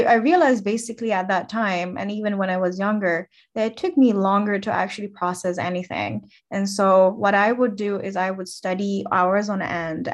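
Young female guest from Finland, reflective casual speech. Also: medium pitch. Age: young adult. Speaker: podcast guest. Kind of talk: casual podcast chat.

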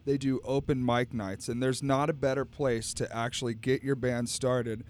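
A man co-hosting a podcast in casual chat, easygoing and quick to agree with the others. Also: mid-range voice, level tone. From Arizona, USA. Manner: affirming, easygoing, says "absolutely" a lot. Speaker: podcast co-host.

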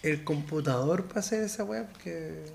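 A man's voice: on the high side, normal speed, vocal fry, a little mellow, a little hiss or hum. A young man with a Chilean accent, the co-host behind the camera, teasing with short remarks. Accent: Chilean Spanish. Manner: teasing, brief interjections. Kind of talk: casual banter.

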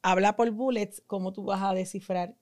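A woman co-hosting a casual podcast chat, chiming in with quick agreement and then sharing her own take. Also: medium pitch, steady tone, darkish tone. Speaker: podcast co-host.

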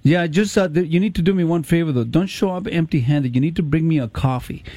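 A man's voice: on the high side, fast talker, mellow, no echo. A man from Chile hosting a radio show in a casual, laughing way with many restarts.

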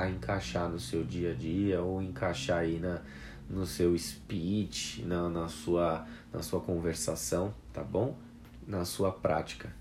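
A man giving a relaxed, chatty video lesson as an English teacher, speaking English examples slowly and louder. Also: low voice, creaky, slight background noise. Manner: relaxed, chatty, often adds "tá?".

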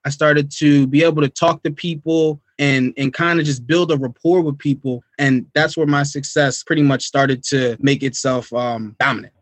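A New Jersey man, a real estate investor appearing as a podcast guest, tells his story casually in slang with repeated check-in phrases. His medium-pitched voice is steady at normal speed with few pauses, on a dry recording.

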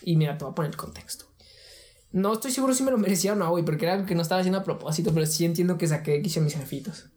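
Fast-talking Mexican man telling stories. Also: on the high side, a little mellow. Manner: slangy, rambling, fillers every phrase. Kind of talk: casual chat, storytelling.

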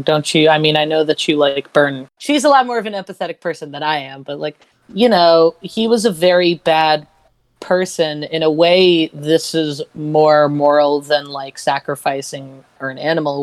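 A scheming woman mage speaks in a relaxed, understated way, as a player acts her out. The voice is mid-pitched and recorded close and dry. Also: normal speed, no echo, natural voice, rough recording. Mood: persuasive.

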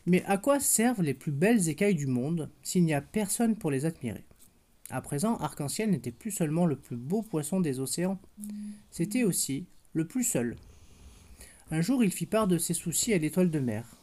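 A parent reading a bedtime story aloud, gentle and unhurried, stopping now and then to talk with the child. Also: mid-range voice, very animated. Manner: gentle, stops to chat with the child.

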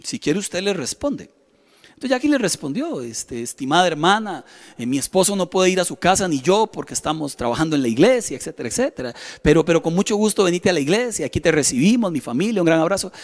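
A man's voice: fairly high pitch, sing-song, fast talker. A middle-aged man with a Costa Rican accent preaching a sermon as a pastor, telling a personal story and repeating phrases for emphasis. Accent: Costa Rican Spanish. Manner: storytelling, repeats phrases, acts out inner voices.

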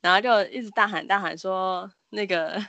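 A woman co-hosting a podcast, telling a story in casual chat and acting out the people in it with sudden loud cries. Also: mid-range voice, moderate pace, creaky, no echo, dull audio. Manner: animated storyteller, acts out the people she quotes with sudden shrieks.

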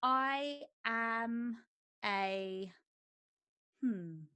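A woman's voice: on the high side, drawn-out words, pushed and bright, smooth, dry recording. Chatty south London woman, dry close sound. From Croydon, south London. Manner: chatty, self-deprecating, jokey. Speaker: podcast co-host. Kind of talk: casual podcast chat.

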